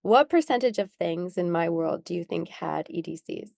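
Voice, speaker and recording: A woman's voice: on the low side, lively intonation, normal speed, creaky, darkish tone, dry recording. A young adult woman telling a personal story in an interview, earnest and at times close to tears. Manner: earnest, tearful at moments, many ums. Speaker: skincare founder, interview guest.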